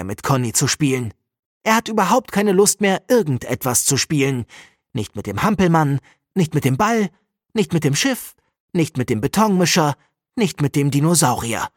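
Woman reading a kids story, pitch all over, close dry studio sound. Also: no room sound. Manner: lively, expressive reading. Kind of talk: children's audiobook narration.

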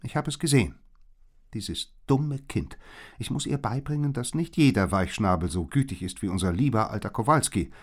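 A man's voice: lowish voice, expressive, normal speed, voice pushed up. A man voicing a stern, lecturing female pigeon teacher in a storybook. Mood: scolding. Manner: commanding, schoolmarmish.

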